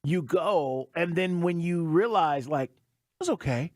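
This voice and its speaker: American radio co-host, a slightly high-voiced man. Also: a little slow, no echo, studio quality. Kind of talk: casual radio talk. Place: radio studio. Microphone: close broadcast microphone.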